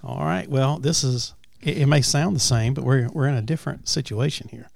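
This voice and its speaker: Casual male host on a farm, creaky low-key talker, dry sound, folksy and halting. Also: no echo. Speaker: podcast host. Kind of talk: casual chat. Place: at a family farm.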